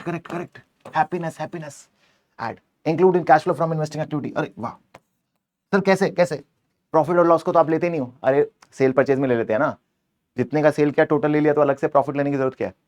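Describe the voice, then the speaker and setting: A man's voice: on the high side, moderate pace, a little mellow. A man teaching an exam-prep accounting lesson, playfully scolding the answer options and switching between Hindi and English.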